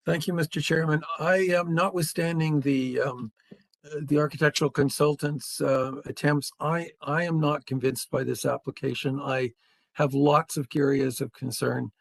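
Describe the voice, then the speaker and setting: A Canadian man on a planning committee giving measured, hesitant remarks at a public hearing. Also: a little high, fairly even intonation, vocal fry, no echo. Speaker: committee member.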